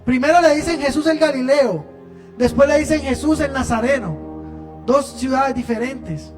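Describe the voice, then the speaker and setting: A man preaching a sermon, impassioned, moving between loud emphasis and hushed lines. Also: extremely high pitch, moderate pace, music in the background. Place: church service.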